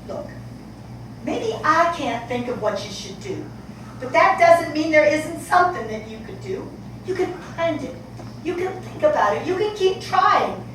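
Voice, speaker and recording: A woman's voice: high voice, very animated, a little slow, a bit bright, exaggerated voice. A woman playing a desperate aging mother. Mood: insistent. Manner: pleading, emotional outbursts. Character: aging mother pleading with her grown daughter. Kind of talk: stage play acting. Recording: echoey hall from far off, background noise.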